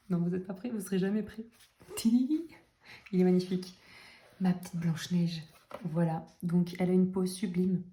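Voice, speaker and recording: Young adult woman, casual vlogger. Chatty and self-mocking, warm tone, echoey home room. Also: medium pitch, creaky. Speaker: coloring vlogger. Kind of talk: casual chat. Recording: echoey room, faint noise.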